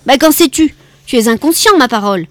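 An exasperated middle-aged man, voiced by a woman reading a novel aloud, snaps at his brother in sharp, mocking bursts. The voice sits higher and louder than her plain reading, and the sound is close and dry with no room around it. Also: expressive, a little fast, no echo. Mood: scolding.

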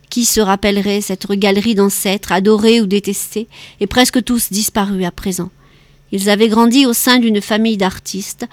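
A woman's voice: medium pitch, dry recording. Woman reading a novel aloud, dry sound. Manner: steady, measured narration. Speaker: audiobook reader.

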